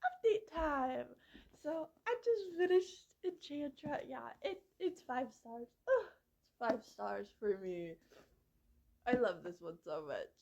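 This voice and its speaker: A woman's voice: on the high side, lively intonation, measured pace, vocal fry, a little mellow, poor audio. A young woman chatting casually about books she has read, rambling with lots of fillers. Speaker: book reviewer. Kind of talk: casual book review vlog. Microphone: phone camera.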